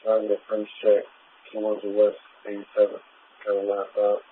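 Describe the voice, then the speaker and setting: A man's voice: on the low side, completely flat delivery, normal speed, husky. A man working as a police officer, calling in short, terse codes over a police radio channel. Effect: police radio transmission. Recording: tinny distant radio with faint static.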